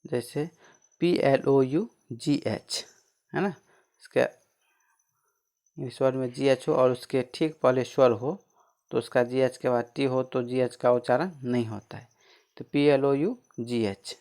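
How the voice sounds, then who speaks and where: A man gives a pronunciation lesson at an unhurried, deliberate pace. He spells out each word letter by letter, then says it again slowly. He poses questions to the class and answers them himself. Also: mid-range voice, a little mellow. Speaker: teacher.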